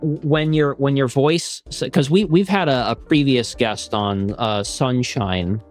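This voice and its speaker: A man hosting a podcast, talking in a rambling, halting way with many restarts and filler words. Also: medium pitch, soft background music. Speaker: podcast host. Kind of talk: casual podcast chat.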